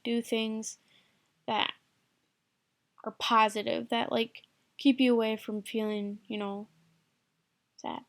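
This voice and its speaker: A woman giving loose, rambling advice to camera late at night, packed with "like" and casual swearing. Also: on the high side. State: sleepy, yawning late at night.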